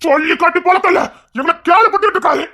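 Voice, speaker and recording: A woman's voice: very high voice, racing, pushed and bright. A woman voicing a blustering, proud uncle. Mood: indignant. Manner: blustering, threatening, boasts of his lineage. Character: proud, hot-tempered middle-aged man, a maternal uncle. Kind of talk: audio family drama.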